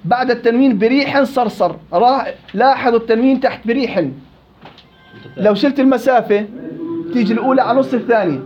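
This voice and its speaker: Male teacher, high voice, quizzes the room, repeats words to model them; dull, noisy classroom recording. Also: quick pace, darkish tone. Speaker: Quran recitation teacher. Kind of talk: classroom lesson.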